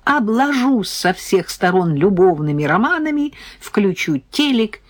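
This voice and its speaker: A woman's voice: medium pitch, unhurried. A woman reading an audiobook, voicing a cheerful, chatty young woman who teases her friend. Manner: lively, chatty, playfully bossy. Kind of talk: audiobook character voice.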